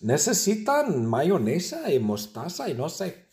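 A fussy male food critic who hums, groans and whines over every bite, played by a man. His voice rises high and swoops widely as he complains, and it drags along slowly. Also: huge pitch swings, a little mellow, heavily acted. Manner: hums and groans while tasting, whiny complaints.

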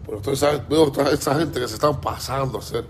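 A man's voice: mid-range voice, quick pace, slight background noise. A man with a Cuban Spanish accent, ranting in a heated, repetitive way, stumbling over his words and swearing often. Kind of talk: casual ranting monologue.

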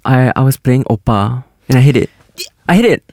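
A man's voice: mid-range voice, brisk, no room sound. A Malaysian man chatting casually as a podcast guest, in slang English freely mixed with Malay. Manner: animated, informal code-switching with Malay particles. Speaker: podcast guest, singer and actor.

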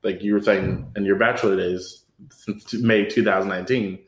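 A man hosting a casual podcast chat, relaxed and rambling with lots of fillers. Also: on the low side, moderate pace. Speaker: podcast host. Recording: roomy echo.

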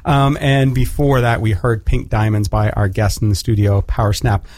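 A man's voice: fairly low pitch, level tone, moderate pace, darkish tone, dry recording. Chatty male radio host, dry studio sound. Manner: chatty, jokey, with fillers. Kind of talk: casual on-air chat.

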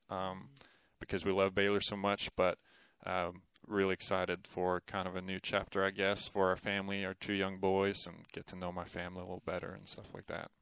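A man's voice: low-pitched, a bit bright, smooth, dry recording. A man in his thirties from Norway, chatting easily as a podcast guest. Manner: easygoing, with many fillers and restarts. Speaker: guest, golf coach. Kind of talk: casual interview chat.

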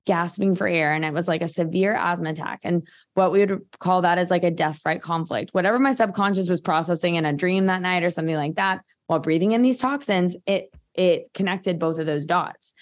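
A woman's voice: fairly low pitch, a little fast. A woman, talking as a guest practitioner in a casual interview, chatty and full of filler words. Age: 30s.

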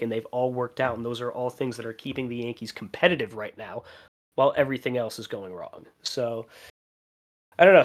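A man from Chicago talks shop on a sports podcast in a loose, animated way. He drops fillers and the odd swear word as he goes. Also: medium pitch. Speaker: podcast co-host. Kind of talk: casual sports chat.

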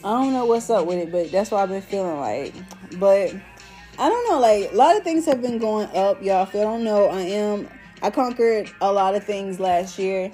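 A woman hosting a solo podcast in casual, slangy chat, rambling in a stoned, high-sounding drawl and talking straight to her listeners as y'all. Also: lively intonation, normal speed, mellow, faint music behind. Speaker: podcast host.

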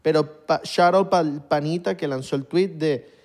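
Young male co-host, Venezuelan accent, slightly higher voice, playful slangy banter. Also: a little slow. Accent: Venezuelan Spanish. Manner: joking, slangy, animated storytelling. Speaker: podcast co-host. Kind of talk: casual chat.

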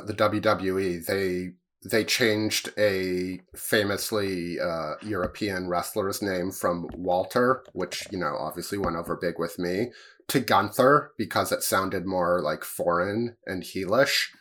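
A man's voice: deep voice, a little slow, fairly bright tone. A man co-hosting a podcast in casual chat, dry and self-deprecating, often stopping and restarting. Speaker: podcast co-host.

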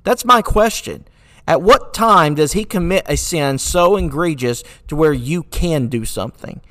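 A man's voice: a little high, lively intonation, measured pace, fairly bright tone, no room sound, studio quality. A man hosting a solo podcast, talking earnestly through rhetorical questions with many fillers and restarts, now and then sarcastic. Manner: sarcastic at times. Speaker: podcast host.

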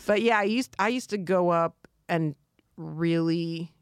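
A woman guest comedian with a lowish voice, chatting casually in an interview. She talks haltingly and self-deprecatingly, often restarting her sentences. The recording is dry and close, with no room sound. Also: clean tone, no echo.

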